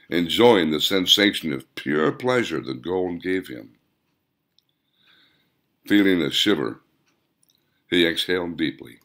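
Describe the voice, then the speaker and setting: With a deep, slightly bright voice, a man performs scripted narration of his own audiobook, telling the story in a dramatic, descriptive manner.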